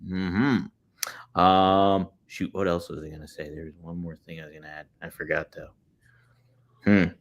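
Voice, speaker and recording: A man in his late thirties co-hosting a podcast, easygoing and quick to chuckle along. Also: sits low, level tone. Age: 30s. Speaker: podcast co-host. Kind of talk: casual podcast chat.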